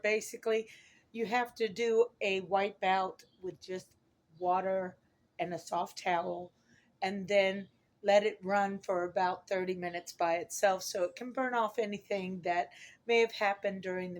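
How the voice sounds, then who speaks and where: Hoarse middle-aged woman vlogging casually. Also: mid-range voice, fairly even intonation, moderate pace. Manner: rambling, self-correcting, chuckles at own remarks. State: hoarse from a lot of talking. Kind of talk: casual chat to camera.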